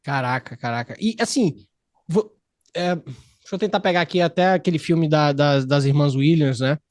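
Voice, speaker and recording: A man from Brazil, hosting a podcast studio interview in an excited, slangy, rambling way. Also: a little high, normal speed, dry recording. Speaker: podcast host. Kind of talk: casual interview chat.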